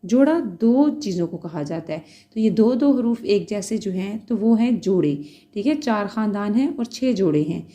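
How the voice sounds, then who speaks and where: A woman's voice: medium pitch, animated, moderate pace, hardly any pauses, mellow. A woman teacher giving a patient beginner lesson, naming letters one at a time and checking in often. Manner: spells out letters one by one, checks in with "theek hai". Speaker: Urdu teacher.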